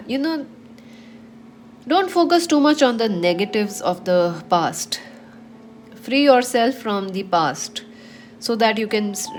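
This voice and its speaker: A tarot reader with a cold gives her viewers a chatty reading filled with fillers. Her medium-pitched voice sounds slightly nasal, and there's a little hiss or hum in the recording.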